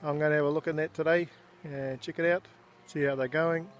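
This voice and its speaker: A man's voice: on the high side, steady tone, fairly quick. A middle-aged man with a Māori New Zealand English accent, talking casually and unhurriedly with hesitations as he films a walk-around vlog outdoors. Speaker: vlogger showing family land. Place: outdoors on rural land. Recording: noisy outdoor amateur recording. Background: clear outdoor noise, birds.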